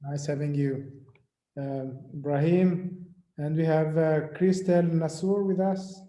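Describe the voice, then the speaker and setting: Guy hosting a video call, really dark mellow voice, kinda high, echoey room, lots of uhs. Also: steady tone. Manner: halting, with many fillers. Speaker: host of an online meeting. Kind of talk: introducing participants in casual chat.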